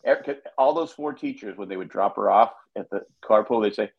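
A man's voice: lowish voice, brisk, gravelly, husky, dull audio. An older man co-hosting a podcast, telling stories in casual chat and acting out the voices of people he quotes. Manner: animated storyteller, acts out quoted voices. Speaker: podcast co-host.

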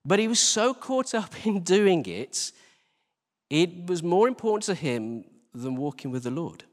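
A British man with a high-set, sing-song voice preaches informally as a church team leader, speaking a little slowly in a large, very echoey church hall. He chats with the congregation, jokes at his own expense, and relies on repeated phrases and rhetorical questions. The live recording carries long reverberation.

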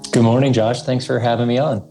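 As a podcast interview guest, a man who grew up in Idaho and works as a school research director talks in an earnest, thoughtful way with frequent restarts. His mid-range voice is level, brisk, and warm, with faint music behind him.

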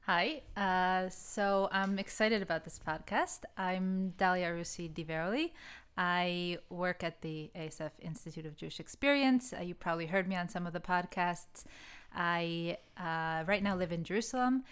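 A woman who grew up in the United States introduces herself on a podcast. Her voice is very clear and sits a little low, and she pauses briefly now and then. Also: fairly bright tone. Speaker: podcast guest. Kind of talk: casual conversation.

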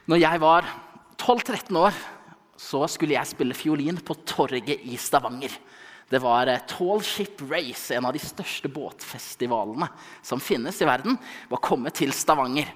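A young man delivers a sermon, his voice somewhat higher than most men's. He tells the story dramatically, jumping between loud calls and near-whispered asides. A long church-hall reverb trails after each phrase. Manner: dramatic storytelling with sudden loud and hushed turns. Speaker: preacher.

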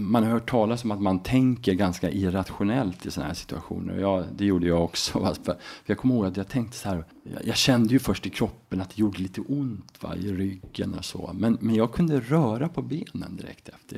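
A middle-aged man from Sweden, a podcast guest, telling a story in a relaxed, halting way with frequent tag questions. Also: on the low side, gravelly, breathy edge. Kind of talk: casual storytelling.

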